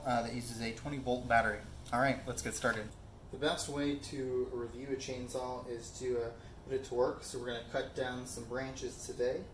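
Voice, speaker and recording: A young man casually reviewing a tool in his garage and backyard, chatty and relaxed with frequent fillers. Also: medium pitch, roomy sound, slight background noise, rough recording. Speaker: product reviewer. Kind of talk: casual product review vlog.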